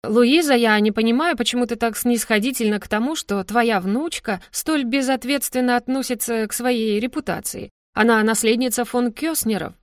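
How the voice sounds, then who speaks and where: Woman reading a scheming older noblewoman, drawling and sly, voice raised higher. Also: moderate pace, hardly any pauses, no room sound, studio quality, close to an everyday voice. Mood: reproachful.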